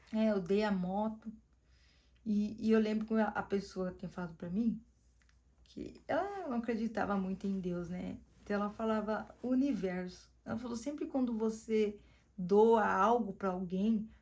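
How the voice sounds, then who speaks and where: A woman's voice: medium pitch, a little mellow. Brazilian woman telling her faith testimony. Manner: tells the story with quoted dialogue, frequent "né" tags. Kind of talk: personal testimony storytelling.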